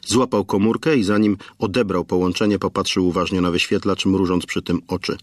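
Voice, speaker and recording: A man reads a crime audiobook in a measured, even narration. His voice sits low, and the recording is dry and close-miked with no room behind it. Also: no room sound. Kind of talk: scripted narration.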